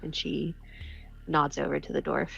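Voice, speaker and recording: A woman's voice: low-pitched, little pitch movement, normal speed, gravelly, slightly rough. A woman casually narrating her character's actions as a player in a tabletop game, on a dull recording.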